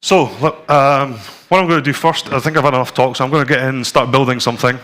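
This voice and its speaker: Speaking to an audience in a conference room with a screen, a presenter from Scotland in his forties runs a live demo alongside his technical talk. His Scottish-accented voice is medium-pitched, steady and fairly bright, moving at a quick pace, and he often says um and restarts sentences.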